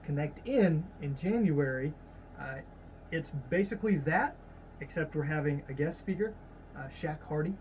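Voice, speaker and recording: A man in his thirties, a youth minister, explaining an event in a steady, informative way. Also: fairly high pitch, moderate pace, a little hiss or hum, low-quality recording. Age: 30s. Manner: steady, explanatory, with frequent "uh" fillers. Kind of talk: casual interview talk.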